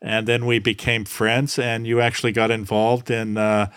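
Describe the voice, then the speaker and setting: A man's voice: fairly low pitch, flat delivery, moderate pace, clear, resonant tone, dry recording, studio quality. A man hosting a podcast, introducing and questioning his guest with many fillers. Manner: warm, gently hesitant, with many uh fillers. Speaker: podcast host. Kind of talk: podcast interview.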